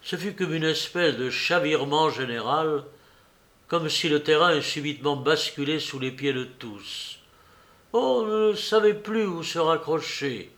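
A man reading a novel aloud as narrator, slow and deliberate. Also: on the high side, a bit bright. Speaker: audiobook reader.

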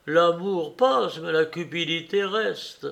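A man voicing an older, grieving father who rants with loud, impassioned outbursts of rage and anguish. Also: a little high, takes it slowly, gravelly, pitched above the performer's own voice, heavily acted. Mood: enraged grief. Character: older grieving father, a mayor, enraged and vengeful. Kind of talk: audiobook reading.

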